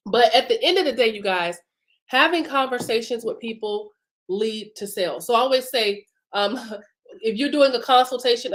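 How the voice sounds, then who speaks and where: In a rough recording, a woman with a slightly high, somewhat bright voice hosts a live broadcast as a business coach. She teaches casually, full of fillers, while congested from a cough and a sore throat.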